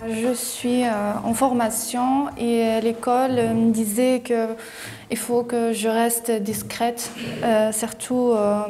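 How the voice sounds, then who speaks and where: A woman's voice: fairly high pitch, little pitch movement, slow, mellow, faint music behind. A woman in training speaking cautiously in an interview, with many hesitations. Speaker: trainee student. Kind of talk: interview testimony.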